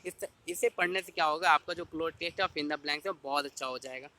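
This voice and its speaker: A man's voice: on the high side, brisk, sharp tone. A man tutoring exam students in a casual explainer style, repeating points and addressing the viewer directly.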